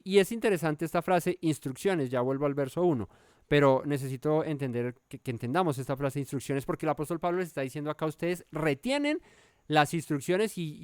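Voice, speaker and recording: A man's voice: a little high, clean tone, no echo, clean studio sound. A man teaching a verse-by-verse Bible study, thinking aloud with many fillers and self-corrections and often checking in with his listeners.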